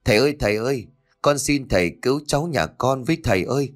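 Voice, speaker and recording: A man's voice: medium pitch, expressive, fast talker, pitched above the performer's own voice, natural voice. A man voicing a desperate, tearful elderly woman's ghost who begs for help in a storybook reading. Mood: pleading. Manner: begging, tearful.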